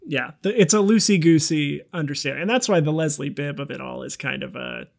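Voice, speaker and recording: A man's voice: on the high side, brisk, creaky. A man co-hosting a podcast, talking about a horror film in a wry, rambling way. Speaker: podcast co-host. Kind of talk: casual movie discussion.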